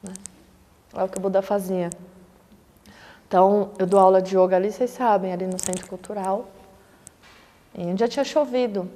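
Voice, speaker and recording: A Buddhist teacher, a woman, talks to her students in a loose, chatty way, checking in with them after nearly every sentence. Her voice sits a little high for a woman. The recording carries a long hall reverb. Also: darkish tone. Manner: conversational, frequent tag questions, acts out quoted voices. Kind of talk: dharma talk.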